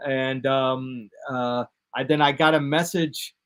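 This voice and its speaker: A man from the United States, a DJ and producer, talking casually in an interview, relaxed and rambling with many fillers and restarts. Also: medium pitch, slow, clean tone. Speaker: guest DJ and producer.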